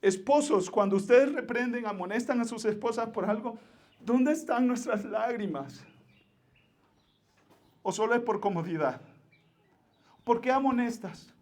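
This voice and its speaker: A Mexican pastor preaching in a church, his high voice pleading with the congregation. He drops to near-whispers and then builds to forceful appeals. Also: expressive, unhurried, pauses often. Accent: Mexican Spanish. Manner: pleading, swings from hushed to forceful. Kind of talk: sermon.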